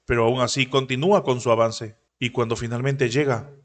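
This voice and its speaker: A man narrating a manhwa story recap, briefly raising his pitch to voice the characters he quotes. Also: fairly even intonation, brisk, long reverb tail.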